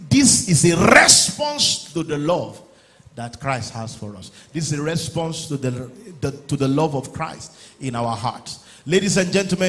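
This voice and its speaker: A male pastor preaching a sermon in church, urging the congregation and sometimes rising to loud exclamations. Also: on the high side.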